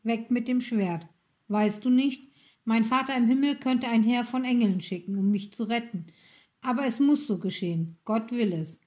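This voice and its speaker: A woman reading the part of Jesus, a calm and earnest grown man, in a storybook. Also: a little high, moderate pace, lightly acted.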